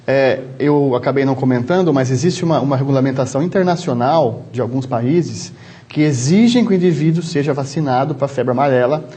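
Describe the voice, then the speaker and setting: A man with a São Paulo interior Brazilian accent, a doctor answering interview questions in a measured, explanatory way with frequent restarts. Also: mid-range voice, mellow. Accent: São Paulo interior Brazilian Portuguese. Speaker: travel medicine doctor, guest.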